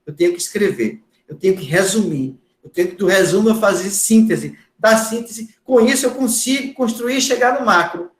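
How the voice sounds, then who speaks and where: A man giving a lecture to a class, talking loudly and repeating words for emphasis. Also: high voice, normal speed, few pauses, reverberant. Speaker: course instructor.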